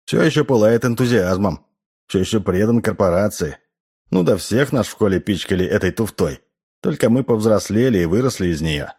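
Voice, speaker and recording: A man's voice: lowish voice, expressive, normal speed, darkish tone, breathy edge. A man reading an audiobook, voicing a shrewd, sardonic older male doctor.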